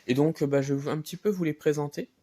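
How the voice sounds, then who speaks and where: A man's voice: a little high, fairly even intonation, fast, mellow, no room sound. A man presenting his flea-market model car finds in a casual vlog, talking hesitantly with many fillers and restarts. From France.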